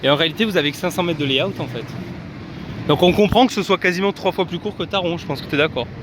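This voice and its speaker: A French man vlogs casually from a busy theme park, chatting to viewers with plenty of filler words. His voice is fairly high and he talks fast over a noisy background.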